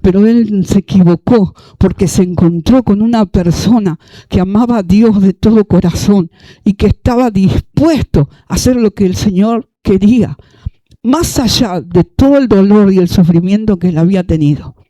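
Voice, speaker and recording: A man's voice: sits high, normal speed, warm tone, dry recording. A man preaching a sermon, in a folksy manner, calling listeners brother and asking them to repeat after him. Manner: folksy, addresses listeners as brother, calls for repetition.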